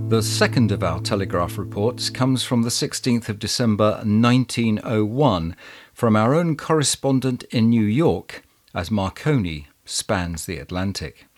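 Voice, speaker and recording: A man hosting a podcast, reading historical documents aloud in a measured, expressive way. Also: fairly low pitch. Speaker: podcast host and reader.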